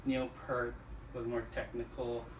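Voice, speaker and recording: A man from Oahu, Hawaii, a drummer answering interview questions in an easygoing way with many pauses. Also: mid-range voice, completely flat delivery. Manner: easygoing, hesitant with many uhs. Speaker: guest, drummer. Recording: roomy far-off mic with faint noise.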